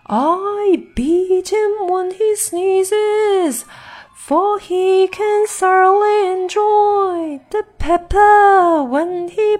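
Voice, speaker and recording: This is a rough, bullying noblewoman with a hoarse growl. She is high, loud and slow, with a breathy edge, as a woman reads her out. She sounds like a storybook villain barking orders. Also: exaggerated voice.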